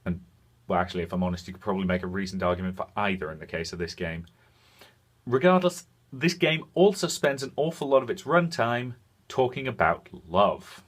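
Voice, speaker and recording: Hosting a video game review, a man speaks frankly in a low voice with lively intonation. The commentary is semi-scripted, and he pauses deliberately for emphasis.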